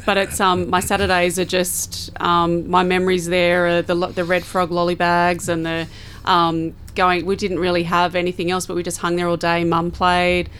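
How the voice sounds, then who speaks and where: A middle-aged Australian woman with a fairly low voice talks as an interview guest. She reminisces in a casual, conversational way, as in a studio chat. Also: monotone, normal speed, a bit bright, slight background noise. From Central Coast, Australia. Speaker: guest, former netball player.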